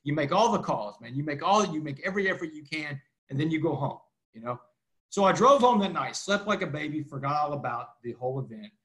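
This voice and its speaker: A man in his forties from Texas, guesting on an interview as a motivational speaker. He races through his story with a slightly raised pitch and drops "man" into nearly every sentence. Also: expressive, a bit bright. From Texas, USA. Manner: fast talker, keeps saying "man".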